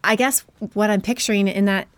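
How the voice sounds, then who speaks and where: Woman, faith podcast guest, thoughtful, measured, dry studio sound. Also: mid-range voice, fairly even intonation, clean tone, no echo. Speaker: Bible study participant. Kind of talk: faith-based podcast discussion.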